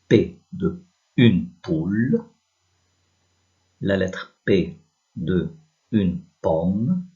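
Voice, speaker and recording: Male teacher, very slow and deliberate, mellow tone, spells out sounds for young kids, dull lo-fi audio. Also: deep voice. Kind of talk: reading lesson for young children.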